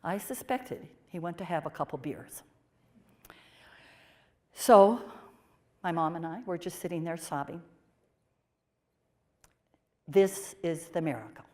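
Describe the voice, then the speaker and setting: A woman portraying a pioneering 1830s nun, telling her story in the first person with expressive swings from emphatic to hushed. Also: fairly low pitch, slow, long pauses. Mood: earnest. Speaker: performer of a historical portrayal.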